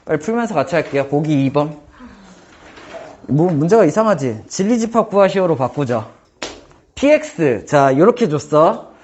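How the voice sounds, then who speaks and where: A man teaching math in a casual one-on-one lesson, firing quick questions at his student and joking. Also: fairly high pitch, lively intonation, a little mellow, a little hiss or hum. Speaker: math tutor.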